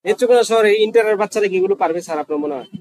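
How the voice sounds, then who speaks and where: A man's voice: high-pitched, racing, darkish tone, low-quality recording. A man teaching a class, patiently repeating phrases and prompting his students. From Bangladesh. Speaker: English teacher.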